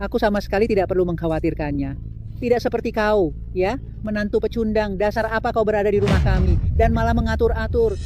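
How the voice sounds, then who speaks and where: Woman acting wicked stepmother type, middle-aged, scornful harsh scolding, rapid delivery, dubbed drama, music behind. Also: mid-range voice, close to an everyday voice.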